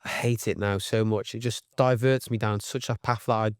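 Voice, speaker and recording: A man's voice: lowish voice, fairly even intonation, normal speed, smooth, dry recording, clean studio sound. A man co-hosting a casual podcast chat, asking curious, probing questions. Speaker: podcast co-host. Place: podcast studio.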